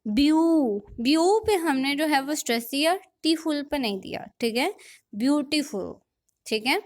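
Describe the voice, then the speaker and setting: High-voiced woman teaching a poetry lesson. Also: lively intonation. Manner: explains slowly, repeats points, checks with "theek hai?". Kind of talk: explanatory lesson.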